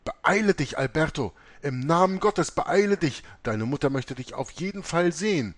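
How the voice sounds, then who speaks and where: An impatient old grandmother, played by a male storyteller, urges and hurries in a raised, higher voice. She sounds pressing and anxious. The voice is recorded dry and close. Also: animated, takes it slowly, bright, forceful tone, no room sound, exaggerated voice. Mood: urgent. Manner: urgent, hurrying.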